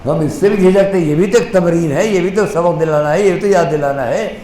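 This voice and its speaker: A man preaching a sermon at a mourning gathering with an Indian Urdu accent, drawing out quoted scripture slowly and dropping to a soft voice for acted exchanges. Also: a little high, crowd noise. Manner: impassioned, stretches Quranic phrases slowly, drops to a soft voice to act out exchanges. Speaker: maulana preaching at a majlis. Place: mourning hall. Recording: echoey hall, faint ambience.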